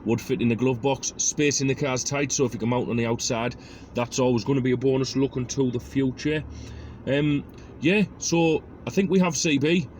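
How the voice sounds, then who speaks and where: A car DIY video host works inside a car, giving a casual, self-deprecating hands-on demonstration and thinking aloud informally. His voice is medium-pitched and darkish, at a normal speed, with background noise clearly audible.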